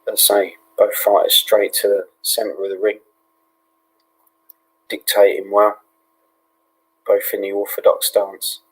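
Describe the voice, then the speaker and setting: A British man keeps his voice hushed, almost whispering, as he gives relaxed live fight commentary with plenty of ums and yeahs. His tone is low and husky and stays quite flat. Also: measured pace, long pauses, poor audio. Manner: speaking hushed, half-whispering; relaxed, with many fillers like um and yeah. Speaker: host of a live fight watch-along.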